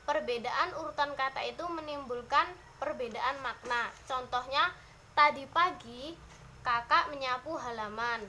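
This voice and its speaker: A young woman, a student, presenting a lesson on grammar in a measured, list-like way with a few hesitations. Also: sits high, pushed and bright, a little hiss or hum, poor audio. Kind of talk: class presentation on syntax.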